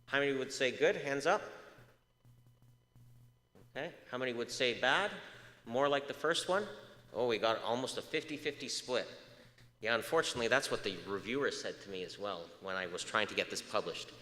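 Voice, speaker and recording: The research speaker here is a man whose medium-pitched voice is bright and forceful; he speaks at a normal speed but pauses often. During his public lecture he asks the audience questions, fills with "uh" frequently, and occasionally drifts off mic, with the large hall's reverb echoing around him.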